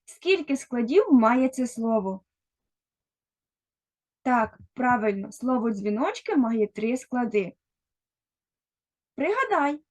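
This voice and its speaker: Slow, patient woman teacher. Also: high voice, darkish tone. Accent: Ukrainian. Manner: slow, patient, addressing a child directly. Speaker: primary school teacher. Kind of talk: first-grade literacy lesson.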